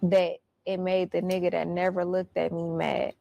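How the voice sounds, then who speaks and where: A woman's voice: lowish voice, monotone, normal speed, vocal fry, mellow, slight background noise. A woman telling a personal story in casual, blunt, profane street slang. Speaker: storyteller recounting her experience.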